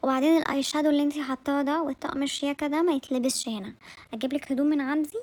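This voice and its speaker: A snide office auntie voiced by a woman, high-pitched and rattling her words off at top speed. She is condescending and bossy, looking down on everyone around her in a comic audio story. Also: fairly even intonation, racing, darkish tone, lightly acted. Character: snobbish, mean older office auntie.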